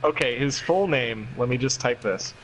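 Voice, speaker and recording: A man's voice: mid-range voice, normal speed, noisy background. A man playing in a tabletop game, easygoing and stammering at the start of his sentences. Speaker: player. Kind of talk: casual tabletop game talk.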